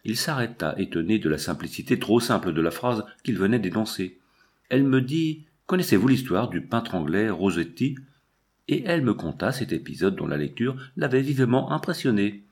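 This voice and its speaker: A middle-aged man reading a literary novel aloud in a measured, grave manner, dropping to a soft murmur in quiet passages. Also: lowish voice, big pitch swings. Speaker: audiobook reader. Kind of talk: literary audiobook narration.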